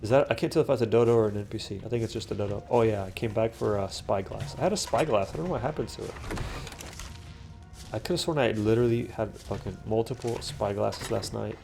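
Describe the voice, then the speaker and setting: A fairly low-pitched male voice with vocal fry and a slightly mellow quality comes through fast, with faint music in the background. It belongs to a young man with a stuffy nose, casually commentating his solo gaming in a home room. He rambles, swears, and uses many fillers and restarts.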